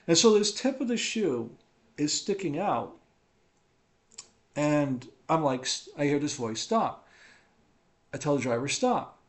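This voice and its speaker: A man's voice: fairly high pitch, lively intonation, measured pace, long pauses. A man in a home living room, casually telling a personal testimony, rambling and checking in with "right?" and "okay?".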